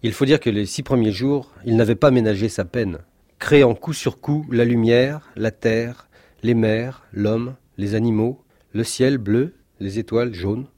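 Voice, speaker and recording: A man's voice: medium pitch, measured pace, warm tone, no room sound. A man reading his own sardonic, ironic comic chronicle on the radio. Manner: sardonic, ironic, crisply articulated. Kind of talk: scripted comic monologue.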